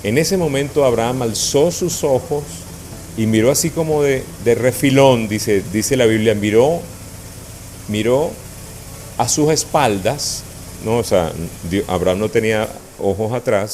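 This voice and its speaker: A man's voice: medium pitch, measured pace, slight background noise. A man preaching a sermon to a congregation, checking in with them as he goes. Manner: animated, asks the congregation questions.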